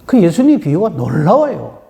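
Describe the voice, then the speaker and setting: A woman's voice: on the low side, brisk, vocal fry, in a large hall. A woman pastor preaching a dawn service sermon, asking the congregation one rhetorical question after another. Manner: lively, asks the congregation many rhetorical questions.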